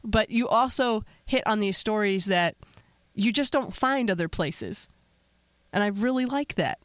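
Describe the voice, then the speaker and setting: A man hosts a podcast and keeps the talk going in a chatty, affirming way, often chiming in with quick agreements. His voice sits high for a man, and the sound is dry and close, with no room around it. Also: animated, fairly bright tone, no room sound. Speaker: podcast host. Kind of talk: casual interview chat.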